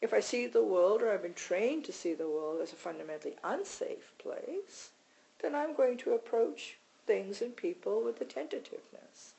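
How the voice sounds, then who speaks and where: A woman's voice: on the high side, expressive, normal speed, gravelly, mellow, low-quality recording. A woman teaching in an informal, conversational way, often repeating words and adding "right?". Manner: conversational, repeats words and adds tag questions. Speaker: meditation teacher.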